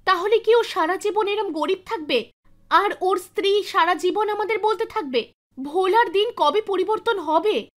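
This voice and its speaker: A woman voicing high-voiced, compassionate goddess Parvati. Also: normal speed. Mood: concerned. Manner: entreating. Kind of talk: animated mythological story dialogue. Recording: music under the voice.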